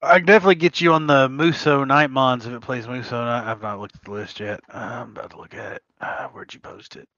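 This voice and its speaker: A talkative man at a middle pitch, chatting casually on a card game podcast and chuckling as he tells his stories. The sound is dry and close, with a slightly dull, lo-fi tone. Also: fairly even intonation, a little fast, few pauses, sharp tone, no echo. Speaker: podcast co-host. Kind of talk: casual chat. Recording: muffled lo-fi audio.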